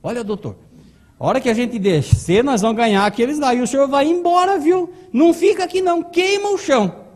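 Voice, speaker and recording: A jittery armed robber, as a man quotes him in a retold story, pleading with urgent insistence. The voice sits high with a husky edge. A long hall reverb trails behind it. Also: expressive, a little fast, mellow.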